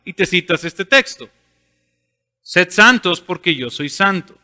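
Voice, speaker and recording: A man's voice: sits high, sing-song, measured pace, pushed and bright, big-room sound. A man preaching a sermon as pastor, asking rhetorical questions and answering them himself. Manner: asks rhetorical questions and voices imagined listeners. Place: church sanctuary.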